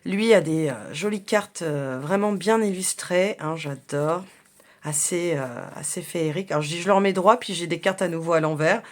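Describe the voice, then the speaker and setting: A woman's voice: fairly low pitch, normal speed. A woman doing a casual tarot reading, talking in a chatty, hesitant way with many fillers and restarts while she handles cards. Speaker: tarot reader.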